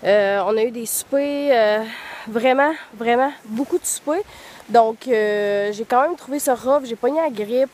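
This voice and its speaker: Unhurried and darkish in tone, with a fairly high pitch, a young woman vlogs as she walks through snowy, deeply cold woods. She has a Quebec French accent, sounds flu-congested and a little breathless, and talks casually with frequent fillers.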